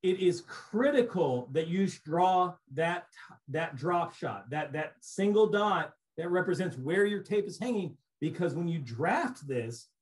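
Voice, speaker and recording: A middle-aged man giving a relaxed recorded slideshow lecture on cave surveying over a webcam, explaining casually with frequent restarts. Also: a little high, a little slow. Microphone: webcam on a video call.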